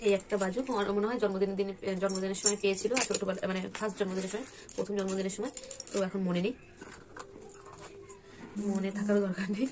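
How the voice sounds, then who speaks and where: A woman's voice: medium pitch, little pitch movement, fast, pauses often, background noise. A young woman from West Bengal chatting casually at home in a vlog, rambling with many fillers and restarts. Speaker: vlogger.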